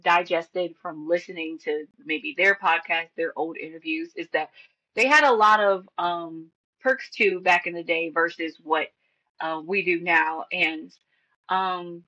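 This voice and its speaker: A woman's voice: fairly low pitch, steady tone, unhurried, bright, forceful tone, rough recording. A young woman co-hosting a casual movie podcast, supportive and a little rambling. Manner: supportive, rambling with fillers and restarts. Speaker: podcast co-host. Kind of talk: casual movie-rewatch chat.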